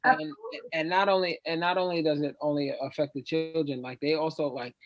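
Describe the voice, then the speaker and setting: A man's voice: on the high side, steady tone, brisk. A young man on a discussion panel, talking casually and filling his speech with "like" over and over. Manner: casual, fills with "like" constantly.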